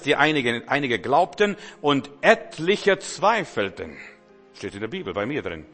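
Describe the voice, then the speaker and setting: A man's voice: mid-range voice, fairly bright tone. A man preaching a sermon with emphasis, often repeating words and speaking straight to the listener. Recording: reverberant hall with faint music.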